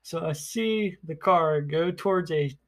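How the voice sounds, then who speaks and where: A man's voice: a little high, measured pace. A young man hosting a podcast, telling stories in casual chat with frequent laughs. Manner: animated, laughing storyteller. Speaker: podcast host.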